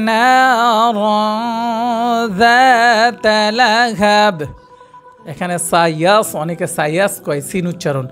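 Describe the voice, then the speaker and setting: A high-pitched man with a Bangladeshi Bengali accent leads a recitation class at an unhurried pace. He moves between quick explanations and slow, drawn-out chanting of each verse. Soft music plays faintly behind him. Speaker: Quran recitation teacher.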